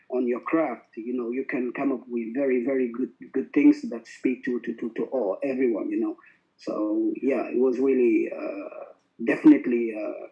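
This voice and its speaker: A man from Senegal talks with a Senegalese French accent and speaks French natively. He talks haltingly, with many restarts, in a mid-pitched voice. His audio comes through a dull, lo-fi video-call line. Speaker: contestant artist.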